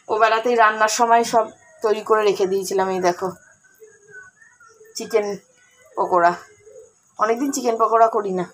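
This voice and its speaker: A woman's voice: on the high side, poor audio. Chatty homemaker woman. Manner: chatty, rambling, homely storytelling. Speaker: homemaker vlogger. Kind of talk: casual daily-life vlog narration. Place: at home, indoors.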